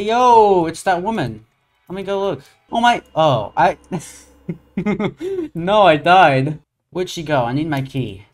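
A young man giving casual, excitable commentary while playing a horror video game, often laughing and saying "dude" and "bro". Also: medium pitch. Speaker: gaming channel host.

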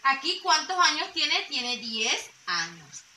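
A woman with a high, very bright and sharp voice teaches a lesson to small children. She speaks patiently and goes back over each point. The recording sounds echoey, with a faint hiss behind her. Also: sing-song, slow. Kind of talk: classroom lesson for young children. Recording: echoey room with faint noise.

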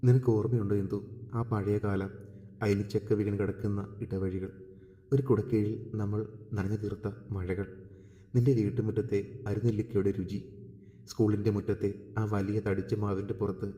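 A man voicing a woman who lost everything, speaking softly and wistfully to her old school friend. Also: on the low side, flat delivery, moderate pace, lightly acted. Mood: wistful, tearful. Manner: soft, hushed and tearful-sounding. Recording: reverberant room.

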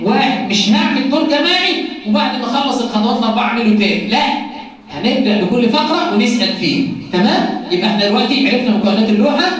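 A man with an Egyptian accent teaching a phonics lesson, asking rhetorical questions in a sing-song, drawn-out way. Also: very high-pitched, expressive, slight background noise. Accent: Egyptian Arabic. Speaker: teacher trainer. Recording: very echoey room, distant mic.

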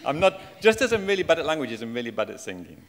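A conference speaker from England, a man in his forties with an English accent, answers audience questions on a large auditorium stage after his talk. His voice is a little high and sing-song, and he speaks fast in a jokey, self-deprecating way. The lecture hall is echoey, with slight background noise.

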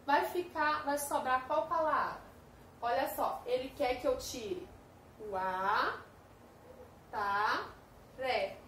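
A woman with a Brazilian Portuguese accent teaching a first-grade lesson, slowly sounding out syllables for young children. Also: sits high, fairly bright tone. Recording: echoey room with faint ambient noise.

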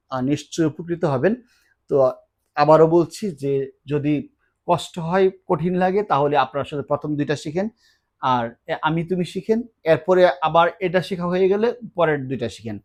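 A man whose first language is Bengali, teaching an online Spanish lesson, drilling verb forms slowly and repeating each one. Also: a little high, a little mellow.

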